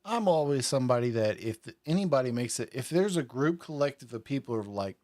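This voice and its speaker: A man's voice: mid-range voice, animated, quick pace, a little mellow, no room sound, clean studio sound. A tipsy man hosting a live stream, chatting casually and rambling, laughing often. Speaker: podcast and stream host.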